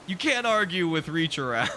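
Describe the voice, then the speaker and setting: A man doing casual, excitable gameplay commentary, joking and swearing freely as he tours his theme park. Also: fairly high pitch, normal speed, a little hiss or hum. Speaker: streamer showing a theme park build.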